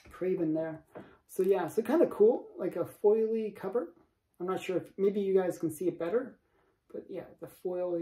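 A man in his late forties with a high, warm voice hosts his own comic-collecting channel. He chats casually to a camera in front of him in his home comic room, laughing softly between points.

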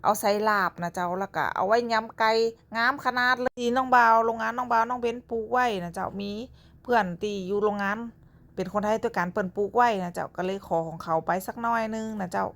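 A woman's voice: medium pitch, a little fast, vocal fry, a bit bright. A young woman with a Northern Thai accent, narrating her own vlog in a chatty way and closing her phrases with polite particles. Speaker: vlogger.

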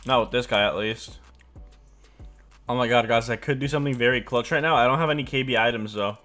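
A man's voice: medium pitch, a little fast, a bit bright, soft background music. A young man doing casual gameplay commentary as a video host, talking in a slangy frat-bro way peppered with dude and bro.

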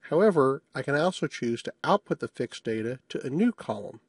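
A man talks through a software demo in a relaxed, matter-of-fact way, throwing in the odd small joke. His mid-pitched voice is a bit husky. It is recorded dry and close, with no room sound. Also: a little fast, no room sound. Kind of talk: screencast tutorial narration.

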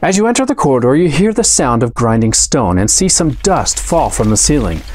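A man's voice: medium pitch, sing-song, fairly quick, a little mellow, a little hiss or hum. A man reading an adventure gamebook aloud, narrating in a dramatic storytelling manner as the regular host. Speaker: storybook reader.

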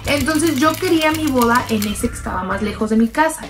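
A woman's voice: sits high, expressive, fairly quick. A young woman with a Mexican accent telling a personal story in a chatty storytime manner, often calling the listener "sister". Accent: Mexican Spanish. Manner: chatty, addresses listener as "hermana". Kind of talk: storytime narration. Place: unseen voice-over. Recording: background music under the voice.

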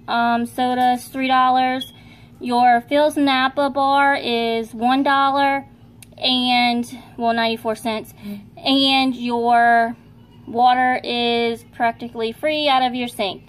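A woman giving a casual, rambling how-to demonstration in her home kitchen, often correcting herself as she talks into a phone camera. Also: a little high. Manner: chatty, rambling, self-correcting. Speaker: home video maker.

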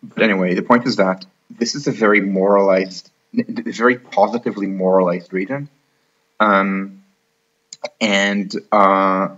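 A man's voice: on the low side, steady tone, unhurried, a bit bright, dull audio. A man hosting an unscripted explainer talk, hesitant, with many ums and restarts. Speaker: host of the channel.

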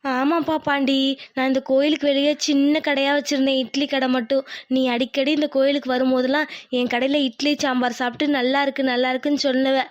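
A woman's voice: high-pitched, no room sound, highs cut off, close to an everyday voice. A woman voicing a kindly village woman who runs a food stall, motherly and consoling.

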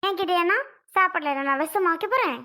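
A woman's voice: very high voice, fairly quick, pushed and bright. A woman playing a sulky, defensive young wife in a family skit, pleading and hurt.

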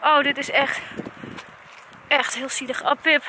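A woman's voice: high voice, fairly even intonation, a little slow, background noise. A Dutch woman in her thirties, a mother filming a family vlog, chatting to the camera and soothing her frightened dog. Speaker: vlogger, mother. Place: outdoors, then at home.

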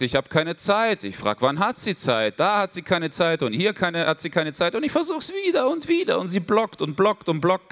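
A male stand-up comedian telling stories with deadpan punchlines. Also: high-pitched. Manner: deadpan storytelling, quick punchlines.

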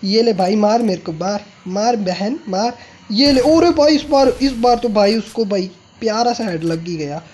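A young man commentating his own shooter gameplay, excitable and teasing, shouting at sudden kills and muttering smugly in between. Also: sits high, moderate pace. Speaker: gaming YouTuber.

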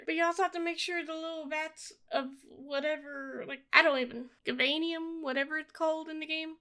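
Woman, high bright voice, casual gameplay commentary, informal, blunt complaints. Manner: informal, griping, bluntly opinionated. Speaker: gamer reviewing a video game.

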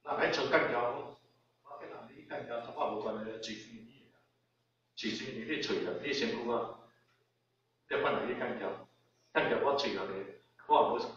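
Animated Taiwanese man lecturing in echoey hall. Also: mid-range voice. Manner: animated, rhetorical questions, acts out quoted people. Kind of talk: dharma class lecture. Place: Buddhist hall. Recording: very echoey hall, far from mic, dull.

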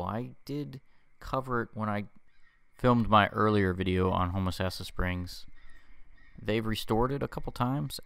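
A man's voice: lowish voice, clear, resonant tone, no echo. A man casually narrating a boat tour voice-over for his travel vlog, chatty and easygoing with self-deprecating asides.

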